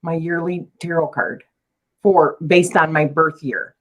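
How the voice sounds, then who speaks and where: A woman's voice: sits low, measured pace. A woman hosting a casual live-stream chat, talking loosely, laughing easily and reading out viewer comments. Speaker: host of a live chat show.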